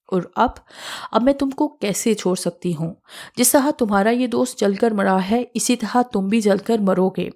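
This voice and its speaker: A woman's voice: mid-range voice, a little mellow, lightly acted. A woman voicing the vengeful ghost of a young woman in an audiobook horror story, read dramatically.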